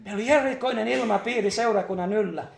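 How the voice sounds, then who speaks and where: A man's voice: high-pitched, creaky, echoey room. A man preaching a charismatic sermon, fervent, breaking into hallelujahs and laughter. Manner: fervent, exclaims hallelujah, laughs between phrases. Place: church meeting hall.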